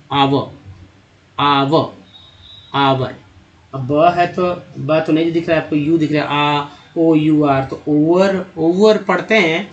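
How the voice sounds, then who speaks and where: A man teaching English reading in Hindi, asking questions and answering them himself, slowing down to sound out words and vowels. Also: fairly high pitch, fairly bright tone. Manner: explains step by step, asks and answers his own questions. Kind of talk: spoken lesson on reading English.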